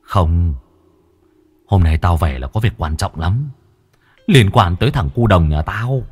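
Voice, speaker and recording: A man's voice: low voice, animated, measured pace. A man voicing an old ghost who pleads for help for his son in a ghost story. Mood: urgent. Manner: hushed, then urgent pleading. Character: old male ghost, pleading urgently from the underworld.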